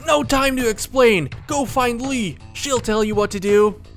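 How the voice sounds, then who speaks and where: A brave, defiant young hero yells his lines in a high, strained voice, as a man puts him on. The shouting is loud and urgent. Game music plays under him. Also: measured pace. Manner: excited shouting.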